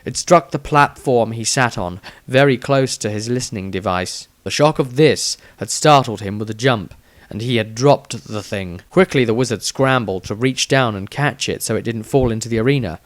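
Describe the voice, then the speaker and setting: A man with a medium-pitched voice reads a scripted fantasy adventure aloud as a storyteller, giving it dramatic emphasis at normal speed. It's audiobook narration with no echo.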